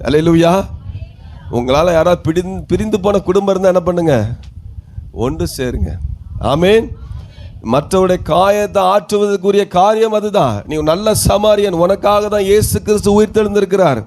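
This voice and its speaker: A male pastor with a Tamil Nadu accent preaches to his congregation, often asking them questions and calling out hallelujah. His voice sits high for a man. A faint hum runs under it. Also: moderate pace, darkish tone. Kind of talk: sermon.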